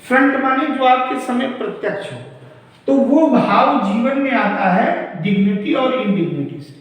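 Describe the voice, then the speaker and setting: A man with a fairly high voice teaches a vocabulary lesson at an unhurried, careful pace, spelling words out one letter at a time. He sounds far from the mic, and a long, roomy echo trails each phrase. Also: expressive. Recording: echoey hall, mic far off.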